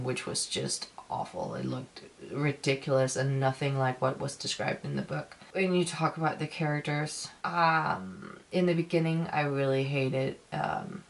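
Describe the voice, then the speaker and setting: A woman with a low, gravelly voice talks to her viewers in a casual review. She rants with heavy emphasis, stopping and starting and repeating herself to drive things home. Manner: emphatic, repetitive, halting ranting. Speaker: film reviewer.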